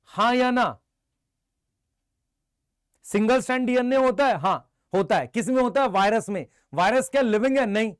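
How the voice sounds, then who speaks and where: A man teaching a biology lesson, briskly quizzing his students and answering for them, mixing Hindi with English terms. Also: extremely high pitch, expressive, clear, resonant tone, no room sound, studio quality. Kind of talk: live online exam-prep lecture.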